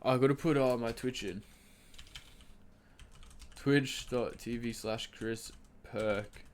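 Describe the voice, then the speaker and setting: A congested young man with a cold chats loosely to his live stream audience from his home setup, rambling through a story while on his feet and moving. His mid-range voice is nasal, fairly even and slow, peppered with fillers, restarts and mid-sentence laughs, with a little hiss or hum in the audio.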